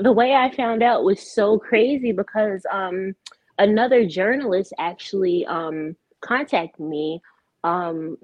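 Young woman guest, outspoken and candid, lowish voice, dull lo-fi sound. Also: a little mellow, dry recording. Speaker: guest, artist. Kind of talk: casual interview. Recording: dull lo-fi recording.

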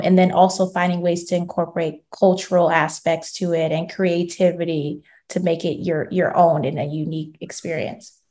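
A woman's voice: lowish voice, darkish tone. A woman hosting an interview, summarizing the guest's answers before asking her next question. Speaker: interviewer host. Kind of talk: casual interview conversation.

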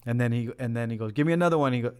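A man in relaxed casual chat, retelling a story with quoted dialogue. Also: mid-range voice, very fast, clear, resonant tone. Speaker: friend in conversation.

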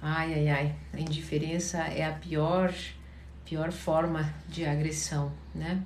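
Mulher do Paraná, sotaque curitibano, respostas ao vivo, tom pausado, voz cansada. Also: female voice, low-pitched, echoey room, a little hiss or hum. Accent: Curitiba Portuguese. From Paraná, Brazil. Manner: calm, advising, often checks in with listeners. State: tired. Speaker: therapist answering viewers' questions. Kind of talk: live Q&A advice chat.

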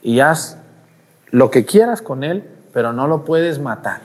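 A man voicing God as a calm, authoritative male deity in a measured way. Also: medium pitch, voice pushed up. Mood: granting. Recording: long hall reverb.

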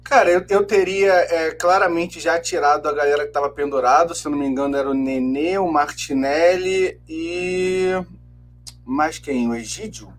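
A man co-hosting a casual football chat, giving his opinions firmly. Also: a little high. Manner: fast, casual, gives firm opinions. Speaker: football podcast co-host.

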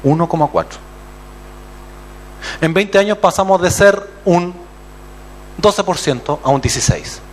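Preaching with a Chilean accent, this pastor is animated, voicing other characters and calling out for amens. His voice is high, his delivery unhurried with long pauses, and there's slight background noise.

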